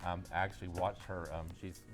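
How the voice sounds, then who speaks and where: Folksy man, low voice, casual guest florist who repeats himself, music behind. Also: little pitch movement, a little fast. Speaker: florist guest demonstrating arrangements. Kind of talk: casual chat and demonstration.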